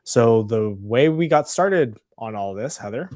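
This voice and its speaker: A man co-hosting a casual live podcast, chatty and relaxed with lots of fillers. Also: medium pitch, a little slow, no echo, clean studio sound. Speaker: podcast co-host.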